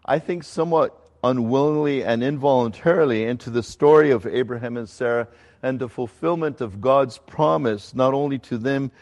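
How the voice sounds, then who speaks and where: A middle-aged male pastor who grew up in Ecuador, preaching a sermon in a conversational, halting way with fillers and restarts. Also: mid-range voice, darkish tone. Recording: long hall reverb.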